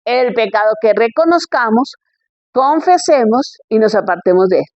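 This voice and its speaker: High-voiced woman preaching. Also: expressive, moderate pace, darkish tone, no room sound, highs cut off. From Colombia. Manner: reads Bible verses, checks in with "¿ok?".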